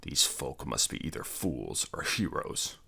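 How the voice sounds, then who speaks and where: A man voicing a gruff, hulking barbarian warrior who talks in blunt, scornful growls for an audiobook. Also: very deep voice, sing-song, unhurried, pushed and bright, pitched below the performer's own voice, full character voice. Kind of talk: audiobook character voice.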